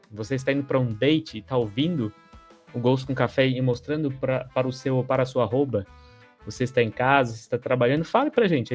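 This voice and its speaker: A man hosting a podcast in a casual chat, loud and joking, with a Brazilian Portuguese accent. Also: fairly high pitch. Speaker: podcast host.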